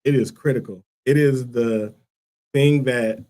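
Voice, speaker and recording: Speaking unhurriedly in a dark, medium-pitched voice with fairly even intonation, this talk show guest is a school co-founder from Liberia. He gives casual interview answers earnestly and thoughtfully, peppered with "like" and "um".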